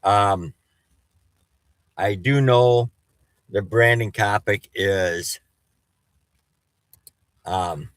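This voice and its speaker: A man with a slightly low voice talks slowly through a casual storm-chasing weather update. His s sounds whistle from false teeth. He is halting, often restarting mid-thought, and the sound is dry with little room to it. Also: no echo.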